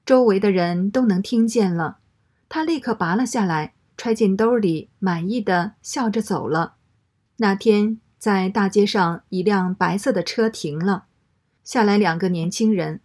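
A woman reading a first-person story aloud in a steady, matter-of-fact way. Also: mid-range voice, a little slow.

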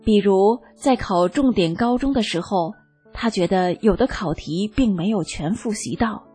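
A woman reading a first-person testimony aloud as scripted narration, in a slow, calm and even manner. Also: medium pitch, breathy edge. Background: faint background music.

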